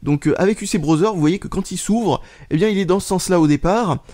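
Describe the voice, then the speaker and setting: A man with a somewhat high voice gives a casual hands-on phone review. He talks haltingly, circling back with fillers and restarts. He mutters to himself as he types and swears under his breath at a faulty keyboard. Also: mellow. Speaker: tech reviewer.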